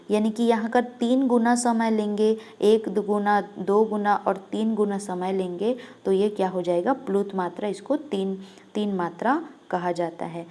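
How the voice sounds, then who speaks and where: A woman's voice: medium pitch, dark tone. A woman teacher giving an exam-prep lesson, explaining step by step and asking questions that she answers herself. When she demonstrates a sound, she draws it out.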